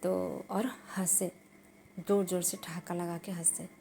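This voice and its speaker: A woman telling a personal testimony in an earnest, halting way, with many restarts. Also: lowish voice, level tone, vocal fry, mellow, slight background noise.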